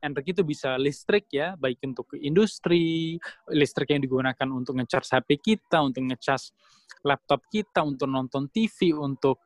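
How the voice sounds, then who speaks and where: A fairly high-pitched male voice at normal speed, recorded with no room sound. The speaker is a young adult Indonesian man, a casual interview guest who explains at length with many fillers and restarts.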